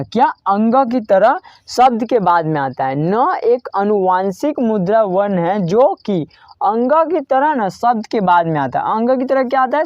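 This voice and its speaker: A woman's voice: mid-range voice, no room sound. Woman teacher drilling call-and-response. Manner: drilling students with repeated questions and answers. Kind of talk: grammar lesson. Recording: dull dry lo-fi recording.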